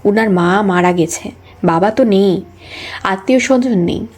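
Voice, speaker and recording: A woman's voice: medium pitch, a little slow, a little mellow, breathy edge. Synthetic woman narrating a novel. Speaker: audiobook narrator. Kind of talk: text-to-speech novel reading.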